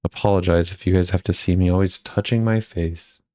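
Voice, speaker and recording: This video creator ranking game voice lines has a low, mellow voice and talks fairly quickly in a steady tone. Recorded dry with studio quality, his chatty commentary often circles back to repeated phrases for emphasis.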